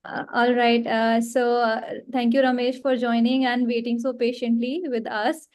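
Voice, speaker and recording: A woman hosting a webinar over a video call, halting and using many fillers. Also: on the high side, level tone, a little mellow. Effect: heard over a video call. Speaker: host.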